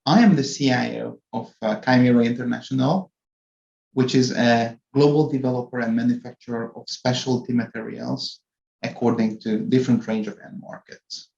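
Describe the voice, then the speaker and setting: A middle-pitched man in his forties with a Hungarian accent and a gravelly, fry-edged voice, speaking in a measured, deliberate way. He is a guest on a podcast interview. The audio is dull and lo-fi in a roomy space. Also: fairly even intonation, a little mellow. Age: 40s. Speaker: guest executive.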